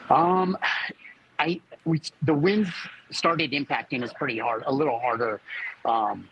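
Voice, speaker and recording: A man of about fifty giving a personal account as a fire captain in an interview, speaking haltingly as he searches for words. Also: medium pitch, lo-fi sound, a little hiss or hum.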